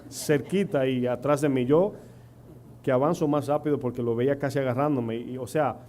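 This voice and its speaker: Steady and unhurried at a normal speed, a middle-aged Dominican man's dark, mid-range voice carries his church sermon, full of stories and rhetorical questions for the congregation. He is a pastor with a Dominican Spanish accent, and the audio has a faint hum and noise.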